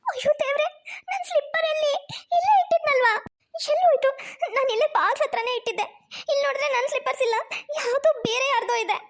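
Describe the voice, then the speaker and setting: A woman voicing a shrill, scolding young bride in a cartoon. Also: fast. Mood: distressed.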